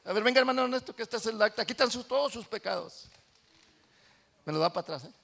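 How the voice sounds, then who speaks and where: A man preaching a sermon as pastor in a church, animated, swinging from soft confiding talk to loud shouting. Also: sits high, quick pace, gravelly.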